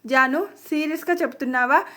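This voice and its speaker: A woman's voice: sits high, a little fast, a bit bright. A woman voicing an angry, possessive young husband in a dramatic storybook reading, talking in a commanding, threatening way. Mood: angry, pleading.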